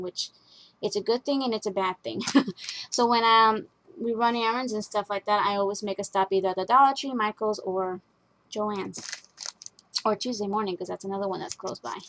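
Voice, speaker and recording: A woman's voice: medium pitch, a bit bright, slight background noise, low-quality recording. A woman talking casually at her craft desk, chatty and rambling with fillers as she walks through a project. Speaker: craft vlogger.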